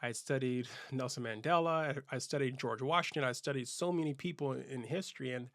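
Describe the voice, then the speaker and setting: A man's voice: mid-range voice, fast, fairly bright tone, no echo, clean studio sound. A man from Southern California, a keynote speaker and channel host, telling his life story in an earnest, reflective way, often restarting his sentences. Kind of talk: personal storytelling monologue.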